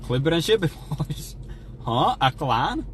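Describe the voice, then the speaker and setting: A man's voice: a little high, very animated, measured pace, a little hiss or hum, low-quality recording. A young man livestreaming, chatting casually while eating, in a jokey, folksy put-on American drawl. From Sweden. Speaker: streamer.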